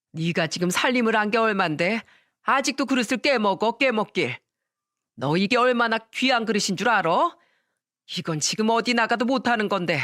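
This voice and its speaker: A narrator voicing a harsh old grandmother who berates with sharp, contemptuous scolding. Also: mid-range voice, dry recording, studio quality.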